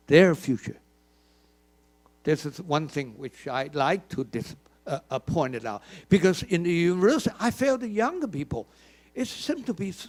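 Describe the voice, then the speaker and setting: An older man delivers a conference keynote in a conference hall, his voice on the high side and a little mellow. He's emphatic, poses questions to the audience and often repeats words.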